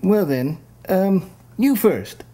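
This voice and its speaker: A woman's voice: medium pitch, animated, slow pace, dark tone. A woman voicing a meek, skeptical sock puppet creature in a comic puppet show, speaking in a hesitant, prim, questioning way. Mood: nervous.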